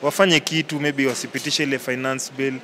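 A man's voice: medium pitch, steady tone, fast talker, fairly bright tone. A man with a Kenyan accent asking interview questions as a reporter, with hesitant, searching phrasing. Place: large indoor event hall. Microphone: handheld microphone. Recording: clear background noise of busy hall.

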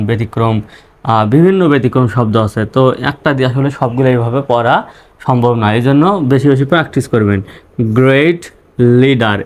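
A man's voice: medium pitch, darkish tone. A male teacher whose first language is Bengali, giving a reading lesson and spelling English words letter by letter before sounding them out.

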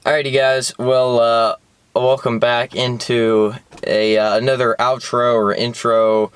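A man's voice: mid-range voice, level tone, a little slow, clean tone, dry recording. Chatty young man in his car. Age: young adult. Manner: chatty, rambling, many fillers. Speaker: fishing vlogger. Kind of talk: casual vlog commentary. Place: parked car interior.

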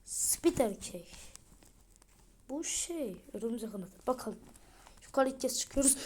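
A woman's voice: a little high, lively intonation, a little slow. Chatty woman gaming streamer. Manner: chatty, muttering to herself, sudden loud outbursts. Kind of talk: let's play commentary.

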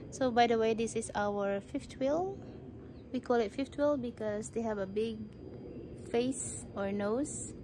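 A middle-aged woman who makes family vlogs gives a casual home tour of an RV trailer, moving inside and just outside it, filming with a phone at arm's length. She speaks slowly in a fairly high, slightly mellow voice, with a little background noise.

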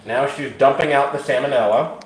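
A man's voice: mid-range voice, brisk, echoey room, slight background noise. A man hosting a casual cooking live stream from his kitchen, teasing his co-host and greeting viewers in the chat. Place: home kitchen.

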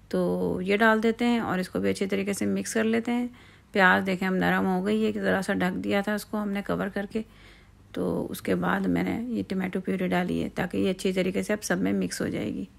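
A woman walks through a recipe in a relaxed, chatty cooking-tutorial way, stopping to fill the pauses as she goes. Her voice is strongly gravelly, and her pitch stays flat and even. She sounds like she is outdoors at night, filming on a phone. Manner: chatty step-by-step explaining with fillers. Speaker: home cooking channel host.

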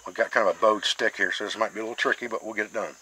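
Talking very fast in a fairly low voice, a middle-aged man teaches bushcraft outside over background noise. He works on a wooden board, carving a stick while plainly walking through each step of the demonstration.

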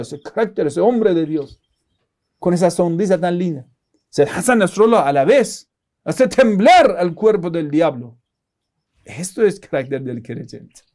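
A man's voice: high voice, darkish tone. A man giving a religious lecture, preaching emphatically and rising sharply on key words, with Arabic verses recited in a chanting tone.

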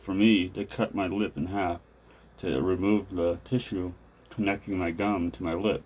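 Very deep man talking through new dentures. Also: steady tone, normal speed, a little mellow, breathy edge. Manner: rambling, reassuring, many fillers and restarts. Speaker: vlogger sharing a recovery journey. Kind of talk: casual first-person advice.

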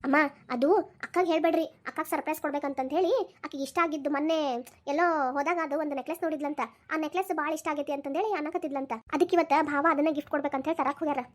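A woman voicing a cheerful, helpful younger sister who talks briskly and reassuringly, in a Dharwad Kannada accent. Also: sits high, steady tone, natural voice. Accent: North Karnataka (Dharwad) Kannada.

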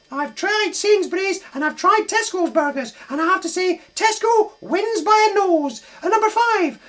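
An absurdly high, squeaky falsetto with a Scottish accent. It is a cheeky, excitable sock puppet in a comedy double act. The delivery is silly patter built on setups and punchlines. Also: male voice.

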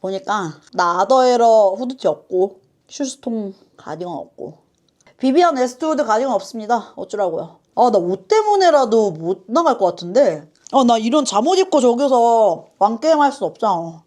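Woman, reaction host; lively, chatty, apologetic asides, a bit high. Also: normal speed. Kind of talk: casual reaction chat.

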